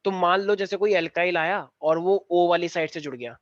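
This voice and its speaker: A man teaches a chemistry class briskly in a high-pitched voice, playful and teasing, using English terms as he explains. There is no echo; the recording sounds dry, dull, and somewhat lo-fi.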